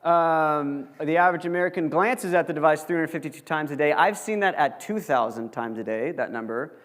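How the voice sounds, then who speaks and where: With a slightly high, fairly bright voice and a slightly fast pace, the young guest lecturer gives his casual, joking talk to college students, loaded with fillers. A large hall adds long reverb.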